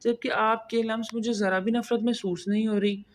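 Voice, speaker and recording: A woman's voice: on the high side, fairly even intonation, lightly acted. A woman voicing a young bride in a spoken romance novel, tearful but defiant. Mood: pleading.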